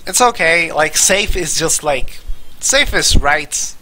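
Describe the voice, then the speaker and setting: A man talks through his speedrun live, loose and rambling with lots of fillers. His voice sits a bit high and comes across bright and forceful, with a faint hiss of background noise. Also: animated, slow. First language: Czech. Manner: casual, rambling, filler-heavy with frequent "like". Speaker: speedrunner at a charity marathon. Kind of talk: live gameplay commentary.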